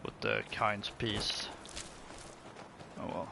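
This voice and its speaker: Over game music and background noise, a gaming video host with a lowish, steady, creaky voice gives casual let's play commentary. He talks extremely slowly, musing and thinking aloud hesitantly.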